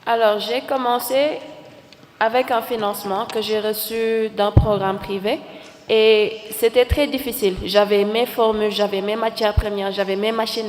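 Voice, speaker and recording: A young woman with a Senegalese accent tells her story on a live panel. Her voice sits at a middle pitch and echoes through a big conference hall. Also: a little mellow, a little hiss or hum. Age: 20s. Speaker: entrepreneur, panelist. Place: large conference hall stage. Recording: echoey hall sound over PA.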